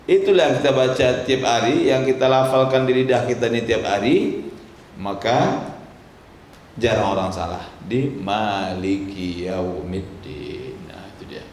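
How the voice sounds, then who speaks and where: A man teaching Quran pronunciation, slow and patient, chanting drawn-out recitation examples. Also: lowish voice, a little mellow. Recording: echoey hall with faint noise.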